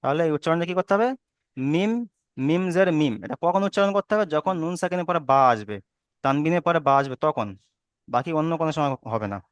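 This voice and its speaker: In an online tajweed lesson, a man with a smooth, higher voice speaks fast while teaching Quran recitation rules, patiently repeating each one and making sure students understand. The audio is dry, with no room sound.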